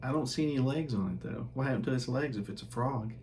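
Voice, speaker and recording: A man with a mid-range voice hosts his fishing channel, casually reviewing baits at home. He talks quickly in a relaxed, chatty way with lots of ums and uhs, and the background is noisy.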